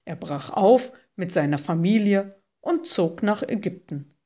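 Woman narrator for a children's Bible story, unhurried, very melodic. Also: medium pitch. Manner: gentle, expressive storytelling.

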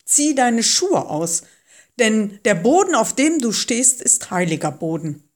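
Storybook: God from the fire, solemn, commanding, slow, read by a woman. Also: fairly high pitch, big pitch swings. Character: God speaking from a burning bush, calm and commanding.

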